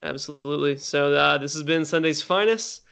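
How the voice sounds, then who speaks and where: Upbeat young man with a gravelly voice. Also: fairly high pitch, a bit bright. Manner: upbeat, joking, quick asides. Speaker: podcast host. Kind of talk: casual chat.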